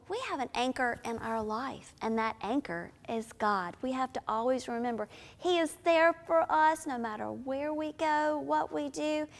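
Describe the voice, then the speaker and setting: A woman's voice: high voice, fairly bright tone, in a large hall. A woman leading a children's Bible school craft time, upbeat and playful as she talks to the kids. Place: church room.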